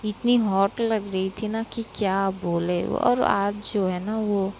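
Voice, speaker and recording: A young woman narrating a love story in a relaxed, chatty way, full of fillers. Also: medium pitch, slow, lo-fi sound, a little hiss or hum.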